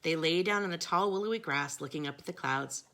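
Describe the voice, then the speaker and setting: A woman reading picture books aloud to children, with gentle, chatty asides to her young listeners. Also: low voice, fairly quick. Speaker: storytime reader.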